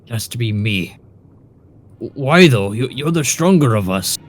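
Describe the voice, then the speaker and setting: A man's voice: medium pitch, animated, moderate pace, slight background noise, lightly acted. A man voicing a two-headed male ogre whose heads bicker and call each other brother. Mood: tense.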